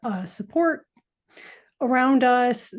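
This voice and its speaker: A woman hosting a podcast, asking questions in a gentle, reflective way with small pauses. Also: fairly high pitch, animated. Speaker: podcast host. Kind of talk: interview questions.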